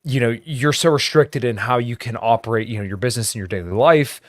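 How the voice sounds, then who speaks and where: A man's voice: medium pitch, fast talker, no room sound, studio quality. A man hosting a podcast, talking politics casually with lots of swearing and "you know". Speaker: podcast host.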